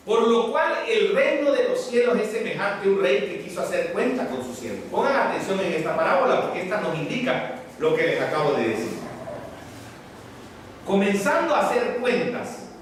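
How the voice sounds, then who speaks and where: A man preaching in a lively, high voice that swings up and down, asking his listeners questions as he goes. He is picked up from well away from the mic in a very echoey room, with a faint hiss underneath. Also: recorded from a distance. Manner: animated, asks the congregation questions. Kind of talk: sermon.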